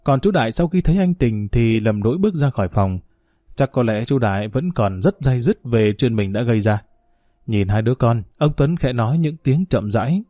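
A man narrating a family drama story in a calm, steady reading voice. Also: medium pitch, normal speed, dry recording, studio quality.

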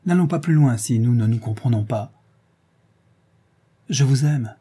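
A man's voice: medium pitch, unhurried, warm tone, breathy edge. A man reading an audiobook, voicing a dignified, earnest young suitor with a grave delivery.

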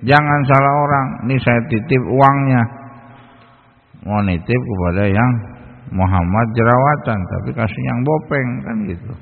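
A man delivers a religious study lecture, his gravelly voice leaping upward to stress a point as he mixes Arabic quotes with homely examples. The sound is thin and phone-like, with a long reverb trailing each phrase. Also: measured pace. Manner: explains with everyday examples, quotes Arabic texts; pitch jumps high for emphasis. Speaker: Islamic preacher.

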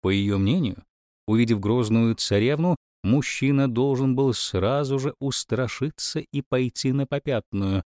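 A man narrating a fairy tale in an animated, playful storybook style. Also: mid-range voice, unhurried, dry recording, studio quality. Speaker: audiobook narrator.

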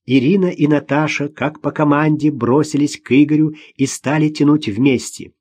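A man's voice: on the high side, steady tone, normal speed, a little mellow. A man reading a novel aloud as an audiobook narrator, telling the story expressively.

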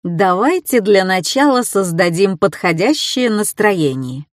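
A woman voicing a calm, menacing young masked man. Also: medium pitch, a little slow, no echo, clean studio sound, close to an everyday voice. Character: cold, controlled young masked man, Kai.

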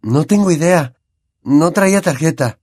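A man's voice: on the high side, lively intonation, a little slow, darkish tone, no echo, clean studio sound, pitched above the performer's own voice. A man doing a puzzled teenage boy. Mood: doubtful. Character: thoughtful, surprised teenage boy.

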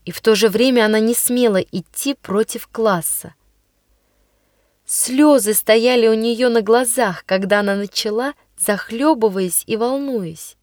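A woman reading a story aloud as audiobook narrator, expressive and measured. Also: on the high side, no echo, studio quality. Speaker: audiobook reader. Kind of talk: scripted narration.

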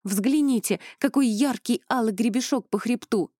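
A woman reading an audiobook voices an excitable young male recruit with a thin, high voice. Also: normal speed, no room sound, clean studio sound. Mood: excited.

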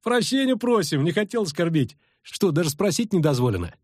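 A man voicing a leering young male bandit who teases and sneers, with a husky voice. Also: a little high, expressive, brisk, warm tone, no room sound, clean studio sound. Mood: mocking. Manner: sneering, teasing.

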